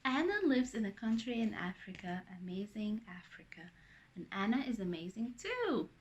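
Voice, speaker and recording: A woman reading a picture book aloud to young children, pausing to ask them questions. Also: mid-range voice, slight background noise. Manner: animated, with asides and questions to young listeners.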